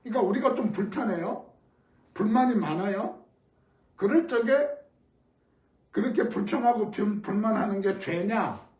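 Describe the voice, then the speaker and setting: A middle-aged man from Korea preaching an early-morning sermon as pastor, telling stories in a conversational way with sudden loud emphases. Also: high voice, normal speed, pauses often. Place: church sanctuary. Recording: echoey room, mic at a distance.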